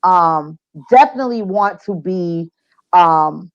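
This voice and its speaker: A woman's voice: fairly low pitch, animated, slow, highs cut off. A woman hosting a podcast, chatting casually with upbeat, slangy hype as she wraps up the show. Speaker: podcast host. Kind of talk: casual show wrap-up chat.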